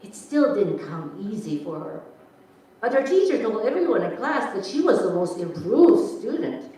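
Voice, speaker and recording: A proud and fussy mother, played by a woman in a stage reading, speaking in a pointed, emphatic way at a middling pitch. She sounds far from the mic in a very echoey hall. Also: very animated, normal speed, mellow. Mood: humblebragging. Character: proud, indignant, fussy Japanese American mother. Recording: echoey hall, distant mic, faint noise.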